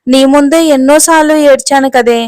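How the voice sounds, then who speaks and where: A woman voicing a furious young man, a boss, who shouts bitterly. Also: sits high, fairly even intonation, moderate pace, no room sound, natural voice.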